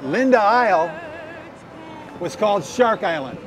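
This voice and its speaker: An older American man from Southern California, around seventy, plays a folksy harbor tour guide, reminiscing informally from a small boat moving through the harbor. His voice is high-pitched and animated, a little slow. Music runs underneath and the audio quality is poor.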